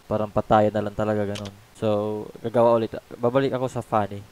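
A young man from the Philippines, a gaming streamer, chatting casually and shouting excited callouts while he plays. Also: lowish voice, quick pace, slight background noise. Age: 20s. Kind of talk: casual gameplay chat.

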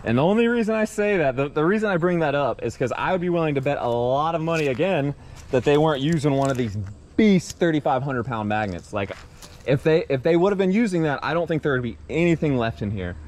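Excitable man vlogging outdoors. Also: fairly high pitch, quick pace. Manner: chatty, excitable, addresses viewers as y'all. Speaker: magnet fishing vlogger. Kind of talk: casual outdoor vlog commentary. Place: outdoors on a bridge over a swamp. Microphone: head-mounted action camera. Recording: faint outdoor noise.

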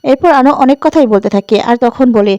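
A high-pitched woman recaps a TV serial in a brisk, plain way. The sound is dry and close, with no room around it. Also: warm tone, dry recording, lo-fi sound. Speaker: channel host. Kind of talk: casual retelling of a TV serial plot.

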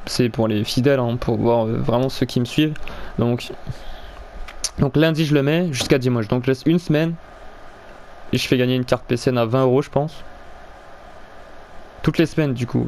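A man's voice: medium pitch, a little mellow, slight background noise. Rambling young man chatting over gameplay. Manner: rambling, stumbles over words; crude slang and swearing. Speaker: gaming video creator. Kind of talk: casual chat while playing a video game.

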